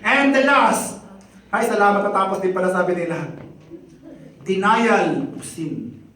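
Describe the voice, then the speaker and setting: High-voiced preacher shouting in echoey hall. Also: male voice, slow pace, pauses often, recorded from a distance. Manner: shouting, rousing, joking with congregation. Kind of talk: sermon.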